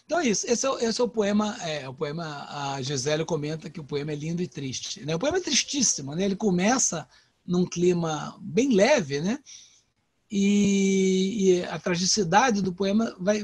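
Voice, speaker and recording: An older Brazilian man gives an informal poetry lecture over a video call, thinking aloud with frequent restarts and "né?" tags. His voice sits fairly high and a little husky. The sound is dry and close. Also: no echo. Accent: Brazilian Portuguese. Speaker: poet and translator giving an online lecture.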